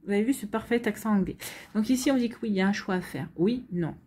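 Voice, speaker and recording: A fast-talking woman with a medium-pitched, mellow, slightly breathy voice delivers a weekly tarot reading. As a tarot and astrology reader, she speaks directly and casually to viewers, hesitating often and repeating words amid many fillers.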